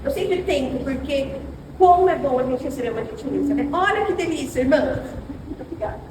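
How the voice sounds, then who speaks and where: A woman's voice: high-pitched, fairly quick. A middle-aged woman with a Brazilian accent, teaching a women's church class and telling personal stories while speaking directly to the "sisters" among her listeners. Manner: animated storytelling, addressing listeners as sisters. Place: church hall. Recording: roomy hall, far mic, ambient noise.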